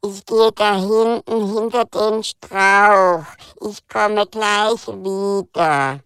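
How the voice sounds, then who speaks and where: A woman voicing a childlike friend in an audiobook, speaking in a very slow, drawn-out high voice. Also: steady tone, a bit bright, clean tone, no echo. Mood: pleading. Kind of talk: audiobook character voice.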